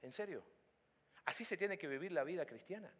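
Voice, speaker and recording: A man preaching a sermon as pastor, moving between quiet, low reflection and loud, high emphasis, and putting questions straight to his listeners. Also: lively intonation, fairly quick, breathy edge. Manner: addresses listeners directly with questions. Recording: long hall reverb.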